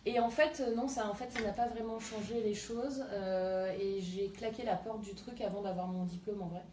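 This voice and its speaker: The speaker is a thirty-something woman from southern France, an entrepreneur guesting on a casual interview chat and filling her talk about her career with hesitant fillers. She has a medium-pitched, mellow, steady voice and a moderate pace. The mic is distant in a roomy space, with faint ambience and a little hiss or hum.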